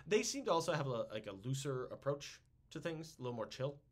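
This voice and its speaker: A man with a mid-range voice, talking a little fast, hosts a casual history podcast. He's animated and jokey, often slipping into silly voices.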